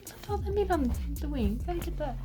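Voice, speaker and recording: A woman's voice: high voice, animated, fast talker, warm tone, soft background music. A woman off camera who chimes in with short, teasing remarks. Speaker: off-camera companion.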